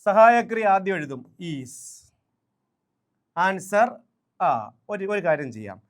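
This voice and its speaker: A man gives an exam-prep grammar lesson, drilling examples one after another. He speaks slowly in a fairly high voice and keeps stopping to quiz the listener. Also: lively intonation. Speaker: English exam coaching teacher.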